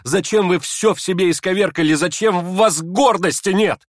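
A man reading aloud and voicing a proud young woman, furious and scornful, in shrill indignant outbursts. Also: moderate pace, no echo, clean studio sound.

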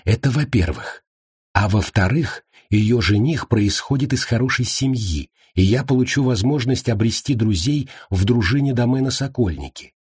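A man reading an audiobook voices a cruel woman priestess who speaks calmly and coolly. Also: mid-range voice, normal speed, husky, no room sound, clean studio sound. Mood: calm, cold. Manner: calm, cool, matter-of-fact.

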